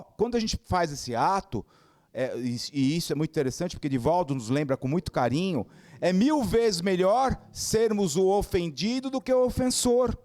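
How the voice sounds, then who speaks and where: A man's voice: high-pitched, dry recording, clean studio sound. A middle-aged Brazilian man giving a spiritist lecture, telling stories and asking rhetorical questions. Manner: animated storytelling with rhetorical questions.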